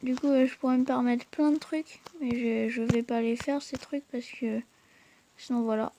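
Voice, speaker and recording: Brief: high-pitched woman host, casual gameplay commentary, hesitant and filler-heavy, talks straight to viewers. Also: fairly even intonation, moderate pace, background noise. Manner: hesitant, full of fillers and restarts; chatty, addresses viewers directly. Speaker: gaming channel host.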